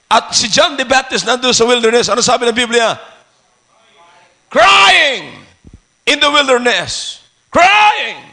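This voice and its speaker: A male pastor preaching a fiery sermon, switching between Tagalog and English and shouting out Bible phrases. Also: extremely high pitch, fairly quick. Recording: old church recording.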